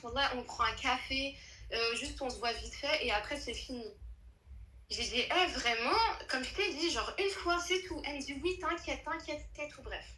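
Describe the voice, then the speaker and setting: A woman's voice: high-pitched, roomy sound, slight background noise, low-quality recording. Chatty young woman telling a story. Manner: animated, slangy, many restarts. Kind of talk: casual storytelling chat.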